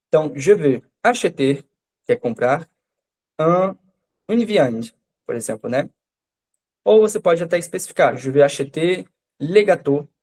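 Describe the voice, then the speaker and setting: A male language teacher, a native Portuguese speaker, runs a live online French class, patiently explaining grammar and pausing often to make sure his students understand. His pitch is ordinary and his tone darkish.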